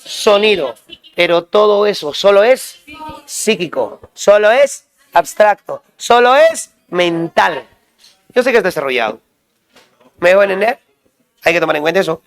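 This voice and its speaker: A male teacher drilling students with quick questions and repeated call-and-response prompts. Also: high-pitched, animated. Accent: Peruvian Spanish. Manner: quizzing, repetitive call-and-response.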